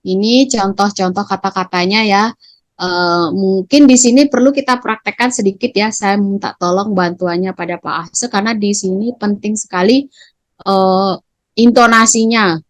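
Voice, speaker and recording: A woman's voice: medium pitch, normal speed, no room sound. A middle-aged woman teacher, explaining training material to colleagues and acting out teacher and student lines. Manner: acts out teacher and student lines with shifting intonation.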